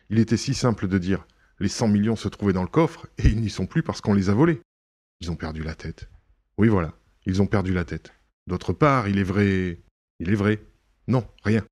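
A man reading an audiobook, voicing a proud, ironic young gentleman burglar who bursts into indignation and mockery. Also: fairly low pitch, fairly quick, slightly rough. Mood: brooding. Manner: indignant outbursts, mocking irony.

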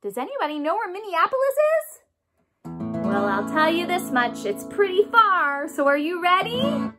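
A woman teaches music to small children in a broad, theatrical singsong. Her pitch sits extremely high and swings widely, and she takes her time, asking and encouraging as she goes. An acoustic guitar accompanies her. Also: normal speed. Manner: animated, questioning, encouraging call-and-response. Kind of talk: interactive music lesson for young children. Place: small home room, indoors. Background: acoustic guitar she plays.

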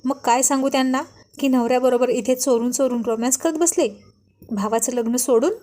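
A woman voicing a panicky, quick-tempered young wife who scolds and pleads with her husband. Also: high voice, fairly even intonation, warm tone, natural voice. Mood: flustered scolding.

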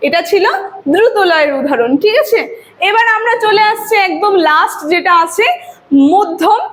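A woman teacher with a very high voice leads an online class. She explains each point step by step and dictates definitions for students to copy down. She checks in often with a quick "okay?". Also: lively intonation, a bit bright. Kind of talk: online lecture.

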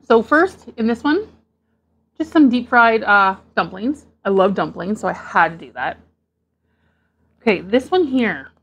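A chatty woman from Canada hosts her own casual mukbang, talking to viewers as she opens each dish. Her voice sits fairly high with a soft, breathy edge. She gets excited easily and gasps over the food. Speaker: mukbang host.

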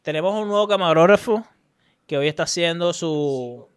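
Colombian man, smooth, playful banter. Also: on the high side, moderate pace. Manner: playful, jokey, spins silly ideas. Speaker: podcast co-host. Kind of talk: casual podcast banter. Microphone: studio podcast microphone.

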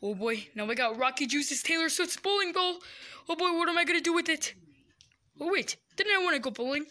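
A performer voicing an excitable, easily panicked little boy who talks to himself. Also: very high-pitched, fairly quick, exaggerated voice. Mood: gleeful.

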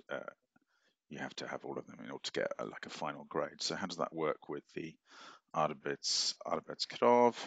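Seated at his office desk and sharing his screen, a middle-aged man goes through a syllabus in a webcam-recorded university lecture, full of fillers and restarts. He has a rumbling low, creaky, slightly bright voice with no echo.

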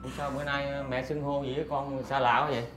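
A man's voice: medium pitch, flat delivery, fast talker, reverberant, music in the background, natural voice. An actor playing a brash young husband in a sitcom, who blusters at his wife and turns meek before his mother. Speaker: husband and son. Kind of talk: sitcom acting.

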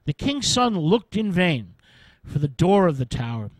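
A man telling a fairy tale on radio, slow and hesitant, leaning on little filler sounds. His voice sits a bit high for a man. The sound is dry and close, with no room around it. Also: big pitch swings, no room sound, low-quality recording. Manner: unhurried, hesitant with frequent fillers. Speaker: radio storyteller.

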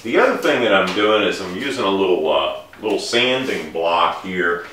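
Working in a big indoor workshop, a middle-aged man teaches woodworking in an easygoing way, describing every step as he goes. His low voice moves at normal speed, recorded by a distant camera mic amid echo and background noise.

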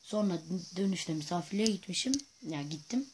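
A male gaming host giving playful, excitable commentary over his own gameplay, often chanting silly repeated sounds. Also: sits high, normal speed, background noise.

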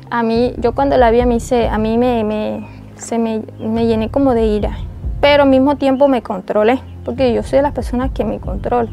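A woman's voice: a little high, vocal fry, darkish tone. A young woman telling her own hard story in an interview, acting out the lines of the people in it. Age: young adult. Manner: recounts dialogue, acting out voices of others. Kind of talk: emotional personal testimony.

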